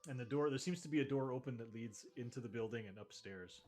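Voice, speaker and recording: A man running a tabletop game, narrating casually in a halting, rambling way as he improvises. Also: mid-range voice, darkish tone. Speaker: game master.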